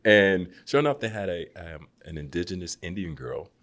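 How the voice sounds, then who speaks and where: A low-pitched American man in his fifties spins a tale as a podcast guest. He talks loosely and easily, jumping way up in pitch whenever he acts out what someone said. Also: fairly quick. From United States. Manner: lively storyteller who acts out quoted people with big jumps in pitch. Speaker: guest, former pro basketball player. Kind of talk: casual storytelling chat.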